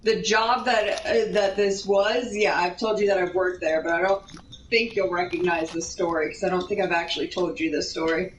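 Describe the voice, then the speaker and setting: A young woman with a lowish, fairly even voice tells a casual, sweary story at normal speed while playing a video game, rambling and getting sidetracked easily. She sounds far from the mic, with a little hiss or hum, roomy echo and music in the background.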